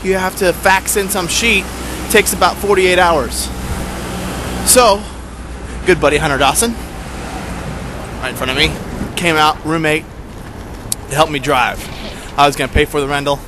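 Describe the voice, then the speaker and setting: A man's voice: on the high side, moderate pace, long pauses. A man in his thirties filming himself at arm's length, giving sarcastic running commentary on a road trip. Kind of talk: casual vlog narration to camera. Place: city streets outdoors, later inside a truck cab at night. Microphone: handheld camera at arm's length. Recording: noisy street and traffic background.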